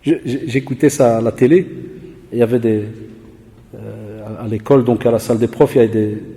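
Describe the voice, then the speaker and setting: A man's voice: mid-range voice, steady tone, fairly quick, mellow. A man giving an anecdotal sermon as a religion teacher, acting out dialogues and dropping Arabic expressions. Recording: long hall reverb.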